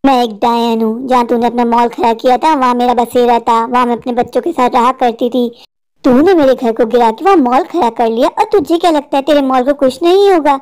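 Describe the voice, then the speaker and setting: A woman voicing a vengeful, grieving female witch spirit in a cartoon, with slow, gloating threats. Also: on the high side, darkish tone, clear, resonant tone, lightly acted. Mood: menacing. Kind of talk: cartoon voice acting.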